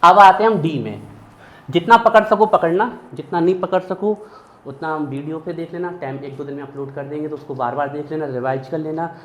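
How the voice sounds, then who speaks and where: A man's voice: fairly high pitch, fairly quick, fairly bright tone. A man teaching chemistry in a classroom lecture, chanting mnemonic lists in a sing-song rhythm. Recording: echoey room, dull lo-fi sound, faint hiss.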